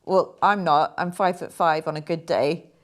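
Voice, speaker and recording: Young woman, fairly low voice; relaxed, rambling artist chat with fillers. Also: normal speed. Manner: chatty, rambling, hesitant with fillers. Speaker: artist talking through her paintings. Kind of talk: casual chat.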